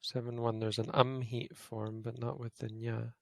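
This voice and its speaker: A man's voice: mid-range voice, level tone, normal speed, vocal fry, no room sound. A man, a Buddhist monk, giving an informal grammar lesson to a study group, thinking aloud and correcting himself as he goes. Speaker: Buddhist monk teaching Pali.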